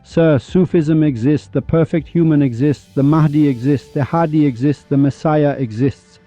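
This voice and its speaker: A condemned mystic man declares his faith in slow, drawn-out cries, as a man puts him on. The voice is dark and mellow, and the recording sounds slightly dull and lo-fi. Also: on the high side, dry recording, soft background music, lightly acted. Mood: pleading.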